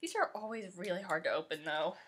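A young woman vlogger with a bright, ringing voice talks to her camera at home. Her pitch bounces up and down a lot as she chats, excitable and a little scattered, sometimes while eating. She sounds like she is picked up by a camera mic in an ordinary room. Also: a little fast, slight background noise. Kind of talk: casual unboxing chat.

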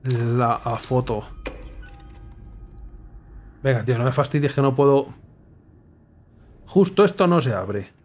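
Guy streaming a puzzle game, mutters clues to himself, middle pitch, yelps when he gets it. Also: slow, long pauses, faint music behind. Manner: thinks aloud, muttering clues, sudden excited exclamations. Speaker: gameplay streamer. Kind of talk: casual puzzle game commentary.

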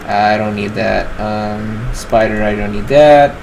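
This gaming channel host, a man in his twenties, speaks slowly in a lowish voice with vocal fry, and a faint hiss or hum sits in the recording. His casual gameplay commentary wanders along, relaxed and stuffed with fillers, as he settles on what to craft.

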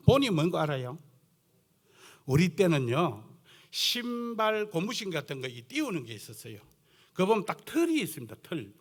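An older man preaching a sermon in a thick Gyeongsang dialect, earthy and folksy, telling stories from his own ministry. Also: a little high. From South Gyeongsang coast, Korea. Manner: earthy, folksy, animated storytelling. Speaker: guest pastor preaching.

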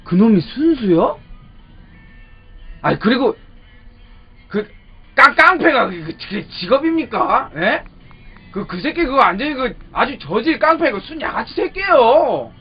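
An actor playing a blunt, indignant young policeman who stammers and repeats his words in a husky voice. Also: very high-pitched, sing-song, unhurried, pauses often, exaggerated voice. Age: young adult. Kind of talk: naturalistic film dialogue. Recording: dull film audio with faint music.

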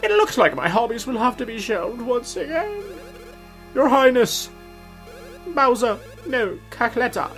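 A man's voice: very high voice, very animated, measured pace, a bit bright, faint music behind, pitched above the performer's own voice, exaggerated voice. A man voicing a very old, fussy, absent-minded royal attendant in a video game, with a formal, hesitant manner. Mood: flustered. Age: older. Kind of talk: cartoonish video game character read-aloud.

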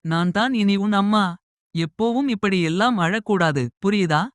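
A man voicing a caring middle-aged mother who scolds softly and reassures tenderly. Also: high-pitched, moderate pace, no echo, clean studio sound, voice pushed up, close to an everyday voice.

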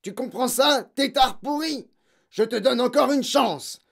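A narrator voicing a huge, brutal, bullying headmistress in an audiobook, barking and shouting insults. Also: mid-range voice, sing-song, normal speed, creaky, voice pushed up. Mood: furious. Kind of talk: audiobook character voice.

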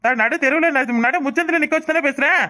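A woman's voice: sits high, quick pace, sharp tone. A woman voicing a teasing, persistent village bachelor in a cartoon, with a southern Tamil accent. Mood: wooing. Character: cheeky balding village bachelor, teasing suitor. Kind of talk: cartoon voice acting.

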